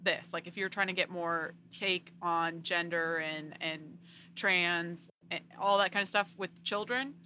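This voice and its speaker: A woman's voice: lowish voice, a little slow, bright, forceful tone, slight background noise. A woman co-hosting a casual book chat, talking in a chatty way with lots of "like". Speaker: podcast co-host.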